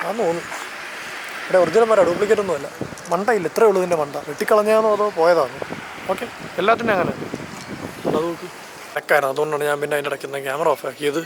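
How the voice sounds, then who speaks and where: Speaking rapid-fire with frequent pauses, a Malayali-accented man narrates his casual travel vlog on a handheld camera while walking through a seaside town and park. He's enthusiastic and keeps correcting himself. His voice is a little high, and there's background noise.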